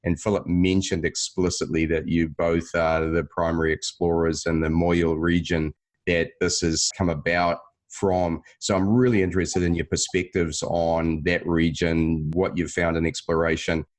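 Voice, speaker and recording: A man's voice: low voice, flat delivery, moderate pace. A man hosting a podcast, chatting in a friendly, upbeat way with his guests. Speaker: podcast host. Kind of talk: casual interview chat.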